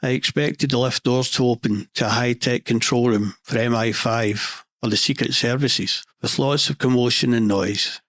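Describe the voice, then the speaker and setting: A middle-aged Scottish man with a monotone delivery, hosting a scripted podcast monologue with dry, deadpan humour. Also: medium pitch, moderate pace, hardly any pauses, no echo. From Scotland. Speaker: podcast host.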